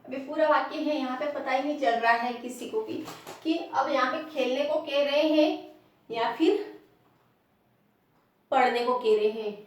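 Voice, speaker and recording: A woman teacher with a Rajasthani Hindi accent, giving a classroom lesson, explaining slowly and repeating example sentences with stress. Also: sits high, distant mic. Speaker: primary school teacher. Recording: very echoey room, voice off-mic.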